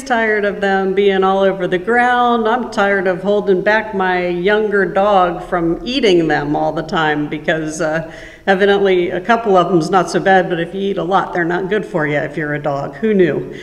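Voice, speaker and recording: A woman's voice: lowish voice, normal speed. A woman giving a chatty, informal devotional message in a church sanctuary, with a cathedral-like echo. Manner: chatty and conversational, with frequent ums. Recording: echoey church sanctuary with long reverb.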